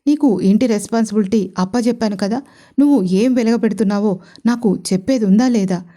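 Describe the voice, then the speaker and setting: A woman's voice: medium pitch, brisk, natural voice. A woman doing a scolding mother-in-law. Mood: angry scolding. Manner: scolding, sharp and accusing. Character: stern angry middle-aged mother-in-law doctor.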